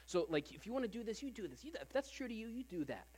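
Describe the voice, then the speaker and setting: A preacher giving a conversational Sunday sermon to a congregation, often repeating phrases and filling pauses with "like". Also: medium pitch, sing-song, darkish tone, slightly rough. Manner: casual, repeats phrases, frequent "like" fillers.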